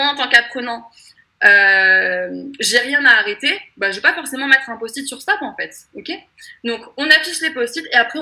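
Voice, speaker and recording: Lady trainer explaining stuff, chatty and joky, bright fairly high voice. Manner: lively, chatty, self-mocking asides. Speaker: trainer teaching other trainers. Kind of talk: online masterclass explanation.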